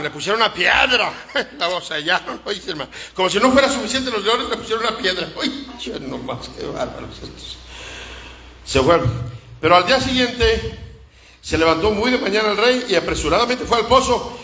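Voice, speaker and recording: Emphatic high-voiced male preacher. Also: lively intonation, moderate pace, sharp tone, roomy sound. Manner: emphatic, call-and-response with congregation. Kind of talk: sermon.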